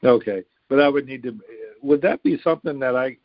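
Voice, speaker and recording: A man's voice: mid-range voice, a little fast, no echo. A man phoning in to a radio show, asking questions hesitantly with many fillers. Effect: caller heard over a phone line. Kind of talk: casual phone-in questions. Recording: dull lo-fi phone line, dry.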